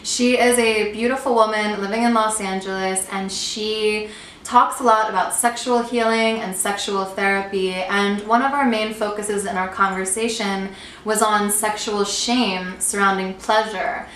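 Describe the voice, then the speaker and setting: A chatty woman hosting a relaxed conversation at a friend's home, laughing easily and tossing in quick asides. Her voice sits at a middle pitch and carries an echoey room sound under a faint hiss. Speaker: host. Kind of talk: casual chat.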